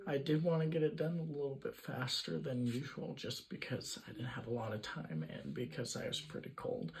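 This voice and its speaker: A man's voice: mid-range voice, fairly even intonation, normal speed, creaky, poor audio. A man in his twenties chatting casually to a camera in a room at home, recapping as a vlogger. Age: 20s. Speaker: running vlogger.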